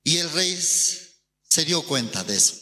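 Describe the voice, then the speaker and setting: A man with a Bolivian Spanish accent preaching a sermon as pastor, telling a story with dramatic, drawn-out emphasis. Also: on the high side, expressive, pushed and bright, big-room sound.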